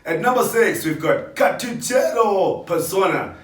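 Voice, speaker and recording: A man putting on the voice of a loud, dramatic male radio DJ, announcing in a booming, theatrical way. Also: lively intonation, unhurried. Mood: hyped. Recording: roomy, distant mic.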